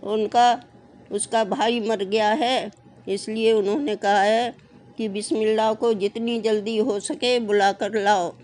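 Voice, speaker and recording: A storyteller voicing a scheming male servant who speaks plainly and bluntly, a little louder than the narration. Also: medium pitch, steady tone, measured pace, natural voice.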